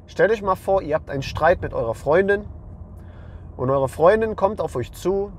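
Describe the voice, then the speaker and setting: A young man with a hoarse voice hosting a men's lifestyle channel, talking bluntly and with emphasis and slang, and often repeating himself. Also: high voice, expressive, moderate pace, a little hiss or hum. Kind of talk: blunt monologue to camera.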